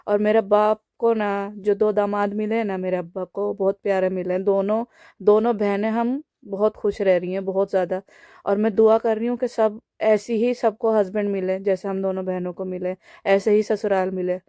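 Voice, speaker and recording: A young woman with a Bihari Hindi accent speaks straight to camera in an indignant, scolding and pleading way. Her pitch barely moves, and her voice sounds mellow. The recording is dry and close. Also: little pitch movement, normal speed, clear, resonant tone, no room sound. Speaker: vlogger. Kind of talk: direct-to-camera message.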